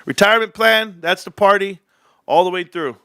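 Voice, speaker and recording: A gravelly-voiced man in his forties hosts a casual livestream, trading between high, hyped outbursts and low, mumbled asides. He keeps calling his viewers bros and guys. The sound is close and dry, with no room around it. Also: moderate pace, no echo. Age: 40s. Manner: hyped, swings into high excited bursts, then low muttering. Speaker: stock livestream host.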